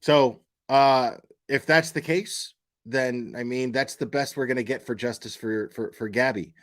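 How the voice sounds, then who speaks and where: This man hosts a laid-back true-crime livestream, speaking at a medium pitch with a steady tone and a measured pace. He's blunt, opinionated and emphatic, swears freely, and often repeats words and phrases while working out his point.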